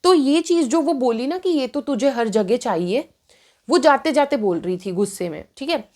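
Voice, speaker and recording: A woman's voice: sits high, normal speed. A woman in her twenties telling a personal story in casual vlog style, switching between Hindi and English and acting out what people said. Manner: animated, mixing Hindi and English, acting out quotes. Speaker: storytime vlogger.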